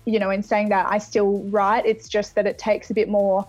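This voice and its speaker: An Australian woman talks informally and reflectively as a music guest in an interview. Her voice is medium in pitch. It comes over a slightly lo-fi, dry video call with music faintly behind. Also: level tone, moderate pace, a little mellow, dry recording. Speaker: singer-songwriter guest being interviewed. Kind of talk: casual chat interview. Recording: phone-like thin sound of video call.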